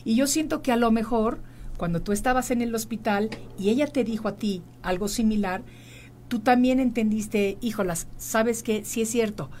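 A woman's voice: on the high side, normal speed, a little mellow, slight background noise. Earnest middle-aged woman host. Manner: earnest, reflective storytelling. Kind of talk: emotional interview conversation.

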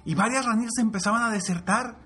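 A man telling a motivational fable in a lively, repetitive way, going soft and low for the lesson. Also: fast, breathy edge, soft background music. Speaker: motivational storyteller. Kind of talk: motivational storytelling.

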